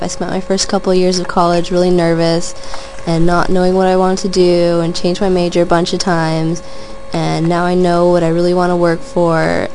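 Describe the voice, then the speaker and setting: A college student in her twenties from Southern California talks about herself in a casual, earnest monologue, rambling along and chaining clauses together with "and." Her voice is on the low side and a little mellow, and the poor audio carries a slight hiss or hum.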